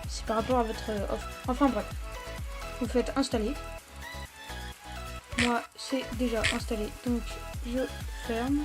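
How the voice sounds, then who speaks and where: A woman hosting a step-by-step phone app tutorial, talking in a halting way and often correcting herself mid-sentence. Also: on the high side, fairly even intonation. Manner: halting, self-correcting delivery. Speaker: tech tutorial host. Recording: background music under the voice. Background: music.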